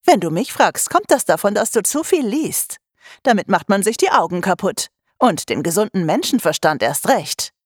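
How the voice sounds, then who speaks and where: A woman's voice: medium pitch, big pitch swings, moderate pace, no echo. Woman narrator doing a blunt, scolding storybook mother, dry close sound. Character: stern, practical mother, middle-aged woman. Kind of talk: audiobook character voice.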